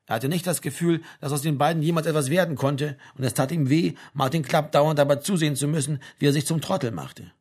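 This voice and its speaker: A man narrating a novel as an audiobook in an expressive, dry manner. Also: fairly high pitch, fast talker, few pauses, slightly rough. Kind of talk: scripted narration.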